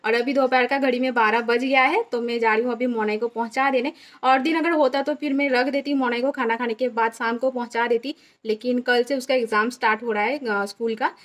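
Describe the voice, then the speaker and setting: A woman's voice: on the high side, fairly bright tone. A woman with a slight lisp, chatting casually to viewers in a home vlog. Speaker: vlogger.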